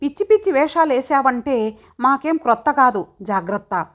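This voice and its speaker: A crude male thug sneers and threatens, read by a woman narrator. His high voice stays in the same register as the storybook narration. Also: lively intonation, normal speed. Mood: menacing.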